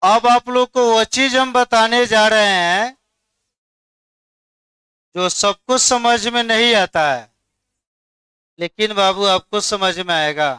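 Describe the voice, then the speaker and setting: A high, bright-voiced man lectures a class at an unhurried pace. He keeps urging students to look carefully and quizzes them one by one. His voice is smooth and clear, recorded close and dry. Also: no room sound. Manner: coaxing, repeats "dekhiye" to hold attention, quizzes students. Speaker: chemistry teacher.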